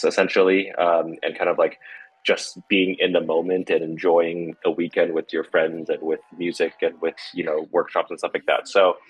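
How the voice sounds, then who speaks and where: A man speaks in a very low, slightly rough-edged voice with a dry, close sound. He rambles in a loose, conversational way, as in a relaxed interview. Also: no room sound, poor audio. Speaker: festival co-founder. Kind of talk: casual interview.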